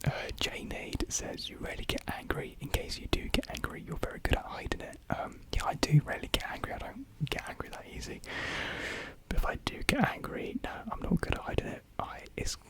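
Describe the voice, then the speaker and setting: Talking a little fast, a young adult answers viewer comments in a laid-back ASMR session. The whisper is soft, breathy, and close-miked, and the replies come out hesitant, meandering, and self-deprecating.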